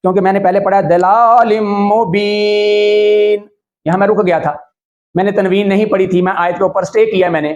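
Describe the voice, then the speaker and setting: High-voiced man teaching Quran recitation. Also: a little mellow, muffled recording. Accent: Pakistani Urdu. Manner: explains then slowly chants the Arabic words, syllable by syllable; asks the viewer if it is clear. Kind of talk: step-by-step tajweed lesson.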